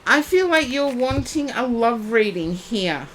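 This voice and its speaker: A woman's voice: on the high side, very animated, measured pace, background noise. A woman giving psychic readings on a live stream, chatting and addressing viewers by name. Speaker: psychic reader.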